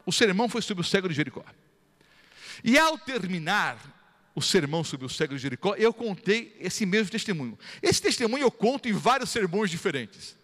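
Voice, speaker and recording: Lively pastor in a reverberant hall. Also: male voice, sits high, brisk. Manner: animated storytelling, acts out quoted voices. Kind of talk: sermon with testimony.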